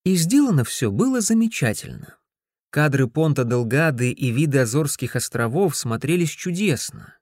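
A man reading a first-person story aloud, expressive, breaking into angry shouts in character. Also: mid-range voice, dry recording, studio quality. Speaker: audiobook reader.

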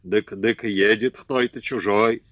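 A man reading an audiobook, voicing a gruff, domineering old peasant father who shouts abuse. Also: lowish voice, steady tone, slow, no echo, lo-fi sound. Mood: furious. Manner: shouting, abusive.

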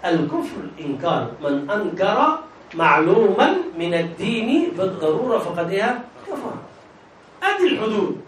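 An Egyptian religious teacher with a high, sing-song voice leads a classroom lesson on jurisprudence at a moderate pace. He quizzes his students by tossing out half-questions for them to complete. The room is echoey, the mic distant, and there's a faint hiss.

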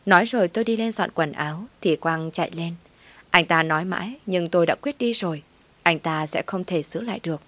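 Low-voiced woman narrating a story. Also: dry recording. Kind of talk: first-person story narration.

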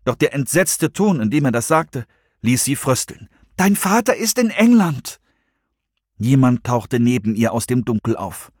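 A man narrating a thriller audiobook with expressive storytelling. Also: mid-range voice, moderate pace, dry recording, studio quality. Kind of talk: scripted narration.

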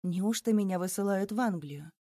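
A woman's voice: medium pitch, normal speed, dark tone, dry recording, studio quality, lightly acted. A woman voicing a terrified older male banker who pleads and exclaims in rising panic. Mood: panicked.

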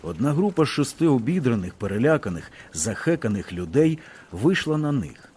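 A man reading a novel aloud as an audiobook, with expressive storytelling. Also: medium pitch, normal speed, a little hiss or hum. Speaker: audiobook reader. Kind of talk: scripted narration of a novel.

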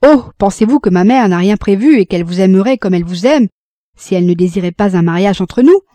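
A man's voice: high voice, lively intonation, brisk, mellow, no echo. A woman voicing a young man in love who speaks in an earnest, pleading way.

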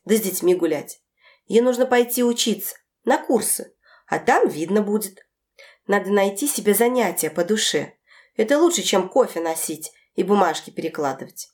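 A woman's voice: medium pitch, natural voice. A woman voicing a retired older mother who scolds and lectures her daughters reproachfully.

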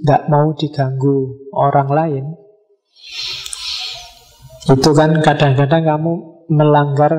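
Male lecturer, slightly high voice, casual teaching tone, faint music underneath. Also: poor audio. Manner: conversational, explains with everyday examples, acts out little dialogues. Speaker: philosophy lecturer. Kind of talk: relaxed philosophy lecture.

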